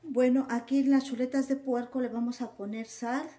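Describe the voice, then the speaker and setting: Her voice is high and dark-toned, her intonation fairly even, her pace moderate: a woman with a Mexican Spanish accent presenting recipes as a home cook. The voice-over is casual and step by step, homely and full of diminutives, captured in a roomy, echoing home recording.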